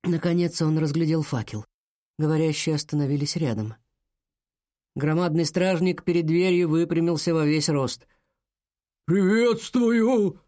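A man reads a children's adventure story aloud in a measured, storytelling delivery. His voice sits a little high for a man. The recording is close and dry, with no room sound. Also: mellow, no room sound. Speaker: narrator. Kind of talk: audiobook narration.

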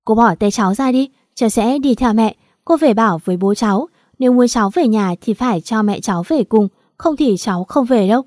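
The voice of a stubborn little girl, tearful and pleading, as a woman reading the story puts her on. The tone sits high and mellow, and her pleas rise as she speaks. It is recorded close and dry. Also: animated, fairly quick, few pauses, dry recording, natural voice.

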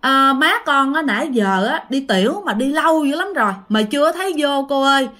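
A woman's voice: high-pitched, animated, brisk, bright, forceful tone. A woman storyteller voicing a worried young girl begging a nurse for help. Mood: pleading. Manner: pleading.

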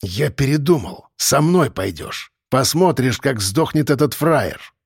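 Menacing male thug, voiced by a narrator, low growl, slow, dry sound. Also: lively intonation, breathy edge, no room sound.

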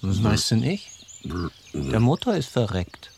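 A theatrical male ringleader of asylum inmates in a radio play, his mid-pitched voice leaping up and down. He talks in a bossy, cajoling manner. A faint hiss runs behind. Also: huge pitch swings, unhurried, vocal fry, darkish tone, heavily acted. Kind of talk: radio drama acting.

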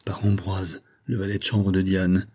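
Man reading as a resigned, betrayed count, soft and low, for an audiobook. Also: fairly even intonation, normal speed, slightly rough.

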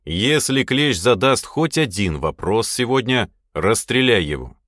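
A man's voice: medium pitch, sing-song, a little slow, fairly bright tone, no echo, studio quality, pitched above the performer's own voice. A man voicing a stern male leader who gives curt, firm orders.

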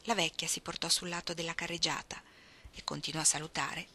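A woman reading a novel aloud as scripted narration, clear and expressive. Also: low-pitched, fairly quick. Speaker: audiobook reader.

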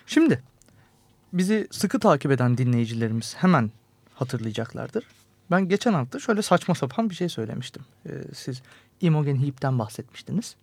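A man's voice: medium pitch, sing-song, brisk, breathy edge, dry recording. A man co-hosting a radio music show, chatting casually with playful, self-mocking banter. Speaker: radio host.

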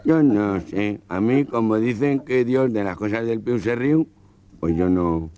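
A man's voice: lowish voice, measured pace, mellow, slight background noise, natural voice. A man voicing a nasal-voiced man with a speech impediment, whiny and indignant.

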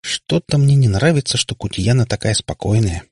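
A man voicing a firm, caring middle-aged witch mother in an audiobook, husky. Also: medium pitch, lively intonation, moderate pace, no room sound, studio quality. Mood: stern.

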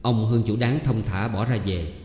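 A man's voice: lowish voice, normal speed, darkish tone. Man narrating a story in an echoey room.

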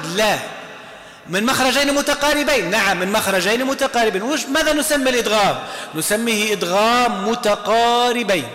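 This male teacher's voice is pitched extremely high, sounding pushed and bright. He speaks with an Algerian Arabic accent, answers his own questions and repeats every term throughout the classroom lesson, with hall reverb echoing around him.

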